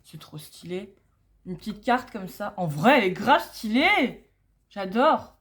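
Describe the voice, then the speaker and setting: A young woman chatting casually and using slang while she unboxes an album, reading English text slowly, recorded on a phone at home. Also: mid-range voice, big pitch swings, fairly bright tone. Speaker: unboxing vlogger.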